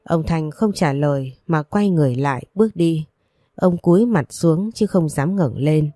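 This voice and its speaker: A woman narrates a story with a low, mellow voice and a steady, even reading. The recording is dry and close. Soft music plays faintly underneath. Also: moderate pace, dry recording.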